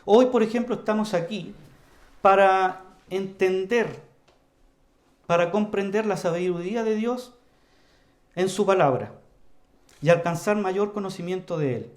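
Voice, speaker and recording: A man preaching an earnest, emphatic sermon to his congregation, repeatedly calling them brothers and moving between loud emphasis and quiet, low passages. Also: a little slow, pauses often. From Chile. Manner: earnest, emphatic, often addresses the congregation as "hermanos"; varies volume widely, rising to loud emphasis and dropping low.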